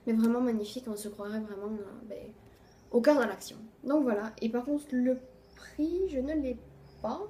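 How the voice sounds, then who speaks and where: Casual beauty vlogger, a woman with a slightly raised voice, chatty, lets her phrases fade out quietly. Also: fairly high pitch, slight background noise. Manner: chatty, fills pauses with "voilà"; voice often trails off softly at phrase ends. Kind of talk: casual monthly favorites review.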